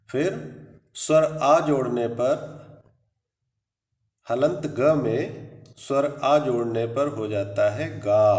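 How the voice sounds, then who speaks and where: A man teaching a pronunciation lesson from slides, slowly spelling out and repeating each syllable. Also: mid-range voice, a little mellow. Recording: echoey room.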